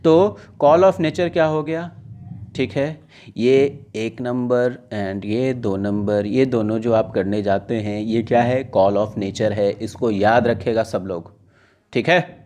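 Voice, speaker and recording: Guy teaching english vocab for exams, reads headlines out slow then explains, keeps asking ok? right?. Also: medium pitch, darkish tone. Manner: reads English news lines slowly, then explains them with checking questions. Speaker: English teacher for exam students. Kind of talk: casual classroom-style lesson, mixing Hindi and English.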